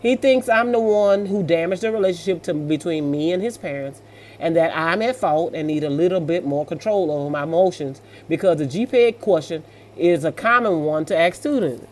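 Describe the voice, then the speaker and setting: With slight background noise behind her, a middle-aged woman reads stories and reacts to them on her story-reaction show. Her lowish voice is a little mellow and a little fast, and her manner is casual, sassy, colloquial and motherly, with the listener addressed as "baby."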